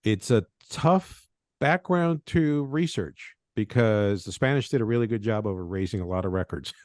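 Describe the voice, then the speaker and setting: In studio-quality audio without echo, a man from Venezuela talks in a lowish, expressive, darkish voice at a moderate pace. He's a game designer on a podcast interview, speaking in a rambling way and frequently ending thoughts with tag questions like "right?".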